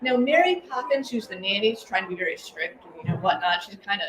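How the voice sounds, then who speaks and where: A woman's voice: mid-range voice, animated, fast. A bubbly woman leading a live laughter meditation session, often laughing as she talks to the group. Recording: echoey room with a live crowd.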